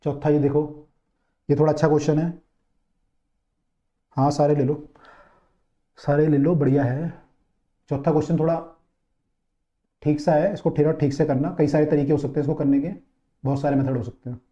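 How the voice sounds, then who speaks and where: Male physics tutor, high-ish voice, dark tone, chatty and coaxing, repeats points; roomy, muffled recording. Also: flat delivery, normal speed, long pauses. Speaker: physics teacher. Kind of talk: online class lecture. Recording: dull, roomy online-class audio.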